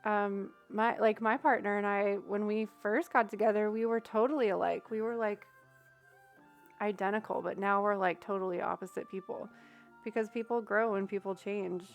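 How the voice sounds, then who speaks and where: A tarot-reading streamer, a young woman, talks casually with her livestream viewers, pondering aloud and using many filler words. She speaks at normal speed in a medium-pitched voice with fairly even intonation, and faint music can be heard behind her.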